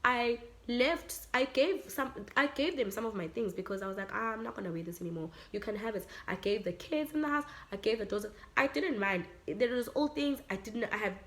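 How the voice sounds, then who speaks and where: Young woman, South African accent, storytime vlog, lively acted-out quotes, mixes in Zulu. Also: medium pitch. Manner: animated, acts out quotes, mixes in Zulu phrases. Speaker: vlogger.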